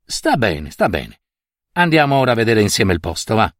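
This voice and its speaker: A man voicing a gruff, scornful old landowner in an audiobook story, brusque and commanding. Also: lowish voice, very animated, moderate pace, dry recording, clean studio sound, voice pushed down. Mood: businesslike.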